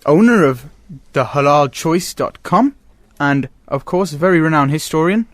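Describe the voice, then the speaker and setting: Radio host: a man with a slightly high voice, measured recaps, dry studio sound. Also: animated, dry recording. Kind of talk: radio discussion.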